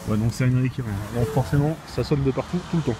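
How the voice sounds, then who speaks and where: A man's voice: medium pitch, fast talker, over music. Chatty young man filming a car tour. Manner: chatty, heavy with fillers and restarts. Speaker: car reviewer. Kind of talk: casual car walkthrough. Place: inside a parked car. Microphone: phone camera.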